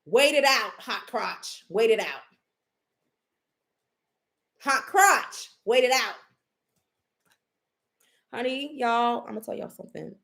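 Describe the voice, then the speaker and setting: A woman of Haitian family doing a casual psychic tarot reading talks slowly and animatedly, pausing often. Her voice is a little high, gravelly and fairly bright, and her manner is brash, profane, sassy and emphatic.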